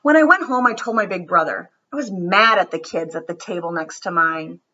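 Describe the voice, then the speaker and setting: Reading a children's book aloud, a woman storyteller uses a bright, husky voice with wide pitch swings, giving expressive narration. She phrases things deliberately and dramatically, sometimes dropping soft, and the recording is slightly muffled.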